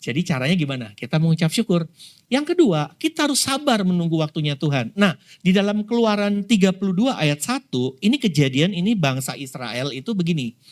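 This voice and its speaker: A man, preaching as a pastor in a relaxed, conversational way and often asking his congregation questions. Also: high voice, brisk. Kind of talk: sermon. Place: prayer room in a mall.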